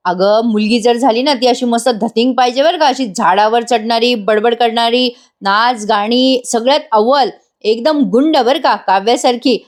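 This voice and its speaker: A woman's voice: a little high, normal speed, close to an everyday voice. Woman retelling jovial fatherly old man. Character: affectionate older father-in-law, man, jovial.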